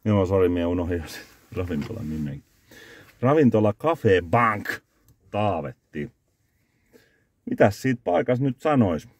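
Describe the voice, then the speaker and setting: This food reviewer vlogger sits in a parked car with his phone camera on the dashboard, his low, darkish voice expressive and broken by long pauses. He wanders through the casual review, correcting himself as he hands out scores out of five.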